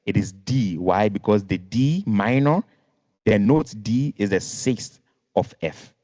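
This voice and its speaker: Over a video call, a man teaches a music lesson online, patiently repeating and rephrasing while counting notes aloud. His voice is lowish, warm, and expressive, with a slow delivery. The audio is dry, dull, and lo-fi.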